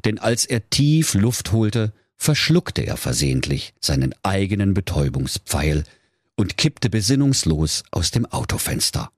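Deep-voiced, playful man telling a kids' fairy tale. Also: very animated, measured pace, slightly rough, no room sound, clean studio sound. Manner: playful, rhyming, mock-dramatic. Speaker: storyteller. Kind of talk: comic fairy-tale narration for children.

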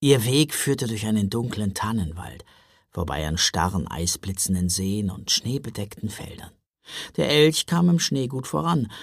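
A man narrating a children's Christmas audiobook, expressive storyteller. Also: fairly low pitch, slightly rough, dry recording, studio quality.

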